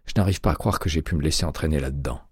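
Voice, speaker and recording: Calm male hypnotist, read by a man, measured, firm, deep dark voice, audiobook. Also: breathy edge, no echo. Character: calm, self-assured male former FBI hypnotist.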